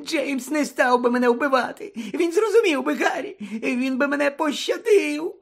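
A man's voice: very high-pitched, expressive, moderate pace, gravelly, pitched above the performer's own voice, exaggerated voice. A man reading an audiobook, voicing a cowering male traitor wizard who whines and pleads through tears. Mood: whimpering pleading. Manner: whining, pleading, tearful.

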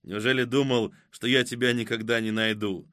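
A man voicing a mocking, vengeful male villain in an audiobook, with a drawn-out, sneering delivery. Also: medium pitch, fairly even intonation, a bit bright, no echo, clean studio sound, natural voice. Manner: sneering, taunting, drawn-out threats. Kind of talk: audiobook character voice.

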